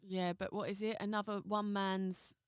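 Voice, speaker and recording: A woman's voice: mid-range voice, level tone, moderate pace, smooth, no echo, clean studio sound. Sassy wisecracking woman. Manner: sassy, wisecracking, interjects with jokes. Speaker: podcast co-host. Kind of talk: casual chat.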